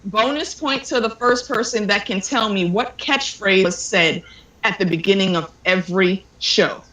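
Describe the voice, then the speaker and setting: A trivia quizmaster hosting a casual online game, reading questions slowly and teasing the players. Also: mid-range voice, bright, forceful tone, reverberant, rough recording.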